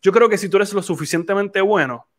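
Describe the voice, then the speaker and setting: A high-sitting voice moving a little fast belongs to a Puerto Rican podcast host in his twenties. In his Puerto Rican Spanish accent he chats casually and ramblingly, with frequent fillers and restarts.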